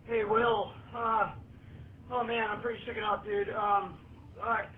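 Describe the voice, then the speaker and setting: A woman's voice: mid-range voice, little pitch movement, a little slow. A woman caller leaving a shaken, rambling voicemail, played back as an answering machine message. She is full of fillers and keeps saying "man" and "dude.". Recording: muffled, echoey voicemail from far off with faint hiss.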